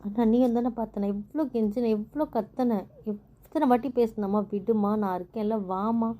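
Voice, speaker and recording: A woman's voice: on the high side, steady tone, normal speed, dark tone, close to an everyday voice. A woman playing a hurt, furious young wife who refuses her husband again and again, in an amateur audio drama. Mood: aggrieved. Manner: defiant, repeats her refusals, turns pleading with her brother.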